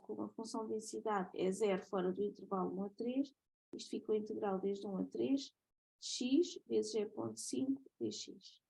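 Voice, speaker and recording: A woman's voice: mid-range voice, vocal fry, a little mellow, husky, rough recording. A woman with a European Portuguese accent giving a recorded math lecture, explaining step by step and checking in with "ok?" often.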